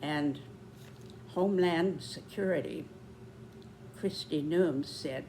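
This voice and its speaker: A woman in her nineties giving reflective spoken commentary, with deliberate, measured phrasing and pauses. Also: low-pitched, dark tone, slight background noise. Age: 90s.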